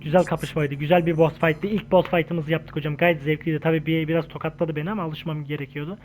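A young man with a slightly high voice calls out his gameplay in loose, slangy chat, full of jokes and swearing. In fights he shouts taunts at the enemy, and quiet game music plays underneath. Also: level tone, fast. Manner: trash-talking, shouting taunts during fights. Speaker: gaming channel host. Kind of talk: casual gameplay commentary.

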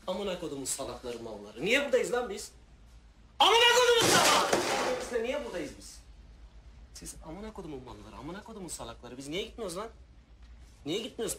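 A furious cursing sailor. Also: male voice, high-pitched, sing-song, quick pace. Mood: raging rant. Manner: ranting, shouting threats and curses. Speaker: stranded ship crewman. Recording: noisy background.

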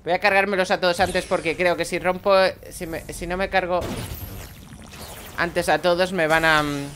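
A man's voice: high voice, steady tone, moderate pace, pushed and bright, slight background noise. A man commenting on his gameplay playfully, voicing little sound effects as he plays. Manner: playful, makes sound effects while playing. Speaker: let's play host. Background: game music.

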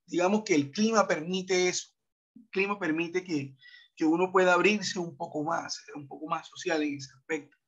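A man's voice: high-pitched, steady tone, normal speed, fairly bright tone, muffled recording. Coastal man teaching online. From Montería, Colombian Atlantic coast. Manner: many fillers, checks with "¿sí?". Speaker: English teacher. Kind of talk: online class talk.

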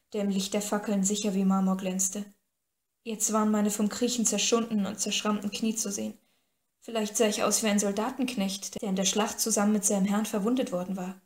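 A woman reads an audiobook in first person, mid-pitched and calm. Her storytelling is steady and even. The recording has an echo from the room. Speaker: audiobook narrator. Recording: echoey room.

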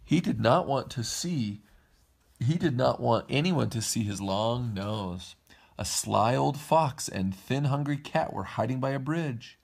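A man's voice: medium pitch, unhurried, creaky. A man reading a storybook aloud to his kids, putting on voices for the characters. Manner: lively read-aloud, puts on voices for each character.

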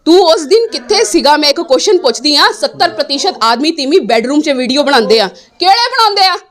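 A woman's voice: sits high, big pitch swings, quick pace, a bit bright. A woman, answering interview questions in an angry, defiant way and repeating her points. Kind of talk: heated interview.

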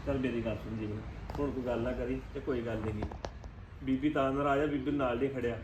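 A man's voice: mid-range voice, fairly even intonation, fast talker, lo-fi sound, background noise, natural voice. A man playing a grown son in a family drama, coaxing and placating his upset mother. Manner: coaxing, placating, repeats "hain?". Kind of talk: scripted village family drama.

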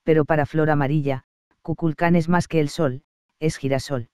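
A tender young woman pleads with her lover in slow, lyrical verse, read by a man. The voice is smooth and slightly high. The sound is dry and close, as in a storybook audiobook. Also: steady tone, a little mellow, no room sound, natural voice. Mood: yearning. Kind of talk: audiobook reading of a verse play.

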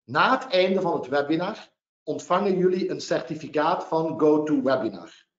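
A man's voice: a little high, animated, normal speed. A Belgian man opening a legal webinar, laying out practical points and the agenda one by one in a formal, orderly way. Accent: Belgian Dutch. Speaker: webinar host and lawyer. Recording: roomy, dull webinar audio.

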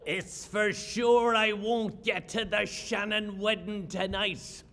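A man's voice: high voice, steady tone, slow, fairly bright tone, heavily acted. A man voicing a stubborn, fearless traveling drummer in a folk tale, his voice ringing in a long-reverb hall. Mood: defiant. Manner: defiant, unbothered.

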